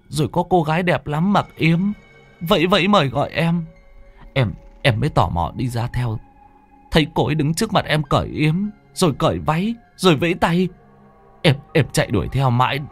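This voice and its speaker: A man's voice: fairly high pitch, husky, pitched above the performer's own voice. A man voicing a terrified young village man who stammers and pleads in panic.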